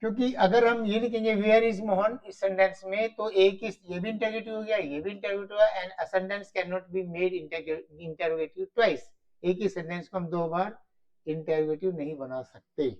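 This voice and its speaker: A man teaching grammar in a Hindi-mix, explaining slowly and repetitively, asking and answering his own questions. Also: sits high, fairly even intonation. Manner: mixes Hindi and English. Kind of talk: classroom-style grammar lesson. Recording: dull lo-fi recording.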